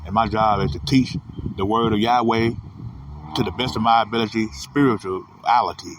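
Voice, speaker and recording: A man's voice: on the low side, fairly even intonation, normal speed. A man in his thirties giving a rambling, repetitive, profane motivational monologue as a podcast host. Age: 30s. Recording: distant mic with loud vehicle noise.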